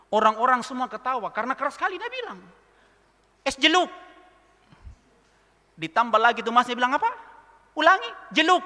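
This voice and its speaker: A male pastor, preaching a sermon and telling a funny illustration, acting out the characters and questioning the congregation. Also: high voice. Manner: lively storytelling, mimics a speech lisp, asks the congregation questions. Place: large church hall. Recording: long church hall reverb.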